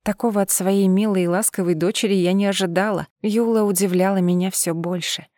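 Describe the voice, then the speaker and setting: A woman reading a first-person audiobook in a steady, expressive voice. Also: mid-range voice, fairly quick, dry recording, clean studio sound. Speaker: audiobook narrator.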